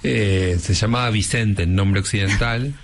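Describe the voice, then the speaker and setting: A man's voice: fairly low pitch, fairly even intonation, unhurried, slight background noise. A man with an Argentine accent hosting a radio interview in a chatty, conversational way. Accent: Argentine Spanish. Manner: conversational, chatty, frequent backchannels. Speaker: radio host.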